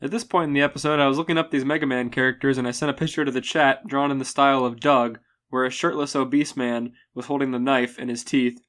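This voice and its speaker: A man co-hosting and editing a comedy podcast, explaining a cut in a low, quick, matter-of-fact aside. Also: steady tone, fairly bright tone. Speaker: podcast co-host and editor. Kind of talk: casual banter and edited aside.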